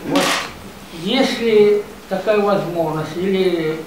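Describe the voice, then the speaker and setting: High-voiced man in his nineties, halting. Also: distant mic. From Russia. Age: 90s. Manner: hesitant, halting, searching for words. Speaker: veteran visitor at a reception. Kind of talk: formal reception conversation. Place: office reception room, indoors. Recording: echoey office room from afar, noisy.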